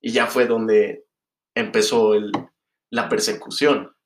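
A man's voice: lowish voice, flat delivery, echoey room, distant mic, a little hiss or hum. A young man with a Mexican Spanish accent, co-hosting a podcast with slangy, laughing chat. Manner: laughing, slangy, quick reactions. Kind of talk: casual storytelling chat.

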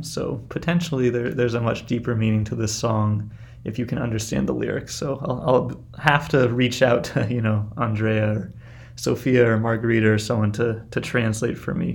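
A man's voice: medium pitch, creaky. A man hosting a music show, talking informally and chattily between songs.

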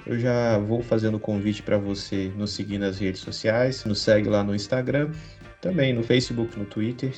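Male podcast host, slightly deep, slangy and informal, faint music behind. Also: darkish tone. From Cariacica, Espírito Santo, Brazil. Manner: joking, informal. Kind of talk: casual, slangy chat.

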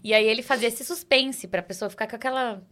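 A Brazilian Portuguese woman who works as a makeup artist chats as a podcast guest. She talks very fast, her voice sits a bit high, and she runs through her stories in quick, chatty bursts. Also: fairly bright tone. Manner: rapid, chatty storytelling. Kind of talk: casual chat.

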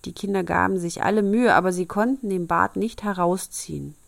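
A woman reading an old fairy tale aloud in a steady, old-fashioned storybook manner. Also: on the low side, a little fast, creaky, slight background noise.

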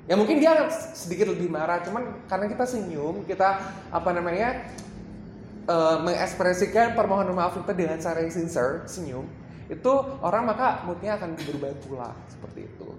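Brief: chatty trainer at mid pitch, workshop talk with English slipped in, roomy echo. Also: animated, fairly quick, slight background noise. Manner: chatty, mixes in English phrases, many fillers. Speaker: workshop presenter. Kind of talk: casual training talk to a live group.

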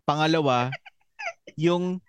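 Smooth-voiced man chatting casually. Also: a little high, slow pace, dry recording. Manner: searching for words with frequent fillers. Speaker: podcast co-host. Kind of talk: casual chat.

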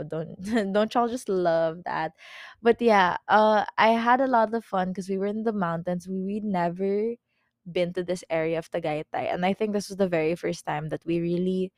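A woman in her twenties with a Filipino accent, hosting her own podcast in a casual, rambling chat full of fillers and quick self-corrections. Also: on the low side, creaky, dry recording, clean studio sound. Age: 20s. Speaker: podcast host.

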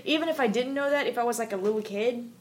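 A woman's voice: on the high side, quick pace. Chatty woman podcaster, faint noise in the background. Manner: chatty, filler-heavy. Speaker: podcast co-host, 3D artist. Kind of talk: casual podcast chat.

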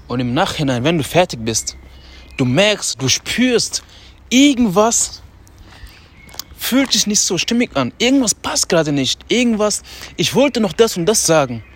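A man hosts a podcast outdoors on a city street, speaking loudly on purpose in a loose, motivational, self-talking style full of slangy asides. His voice sits high, very animated, at a moderate pace.

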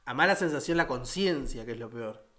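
A man with a Uruguayan Spanish accent in a casual, darkly joking conversation, wry and deadpan. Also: mid-range voice, a little fast, a crowd in the background. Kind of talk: casual dark-humored chat.

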